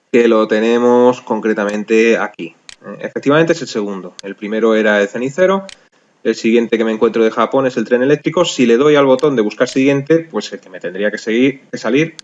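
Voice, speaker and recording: A man's voice: mid-range voice, brisk, highs cut off. A man with a Spanish accent from Spain, patiently explaining a spreadsheet program step by step in a screencast tutorial, with frequent fillers. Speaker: software instructor.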